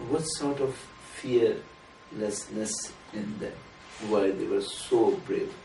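A man with a fairly low voice delivers an earnest, measured sermon, pressing harder on key points. He sounds set back from the mic in an echoing room, with a faint hiss underneath. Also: mellow. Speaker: religious speaker. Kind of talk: sermon to a small gathering. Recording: roomy room from a distance, faint noise.

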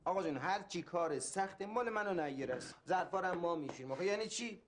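An actor playing a proud, loyal friend who protests, in a TV drama. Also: male voice, high-pitched, expressive. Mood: protesting. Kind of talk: TV drama acting.

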